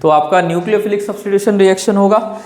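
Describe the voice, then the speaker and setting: A male chemistry teacher giving a lecture. He keeps asking rhetorical questions and answering them himself, and he repeats key terms slowly. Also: high voice, steady tone, darkish tone. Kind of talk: classroom lecture. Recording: echoey room with long reverb.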